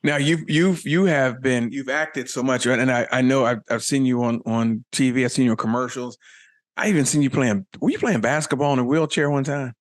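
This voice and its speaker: A man's voice: mid-range voice, a little fast. A man hosting a casual interview, asking encouraging questions with frequent restarts. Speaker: podcast host.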